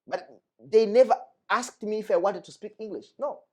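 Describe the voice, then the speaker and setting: Here a young man from the Democratic Republic of Congo speaks as a guest with earnest emphasis, returning again and again to his central points. His voice sits high, and he talks at a normal speed.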